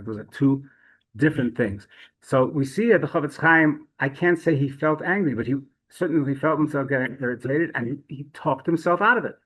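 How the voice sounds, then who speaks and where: A man teaching a Torah class, telling stories in a chatty way with frequent restarts and lively swings in pitch. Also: rough recording. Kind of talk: storytelling Torah lesson.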